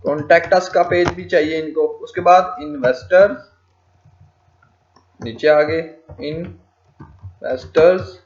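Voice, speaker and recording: A man walks through a tutorial at a very slow pace, spelling out English phrases one word at a time as he types them and dropping in short fillers between steps. His voice sits a little high for a man. It comes through as a dull, lo-fi recording in an echoey room. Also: slight background noise. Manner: frequent fillers "ok ji" and "theek hai". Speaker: freelancing tutor.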